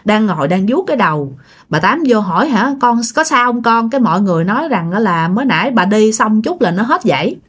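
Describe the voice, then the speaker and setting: A woman's voice: mid-range voice, big pitch swings, quick pace, breathy edge. A woman telling a ghost story in a chatty way, talking straight to her listeners. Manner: chatty, addresses listeners directly.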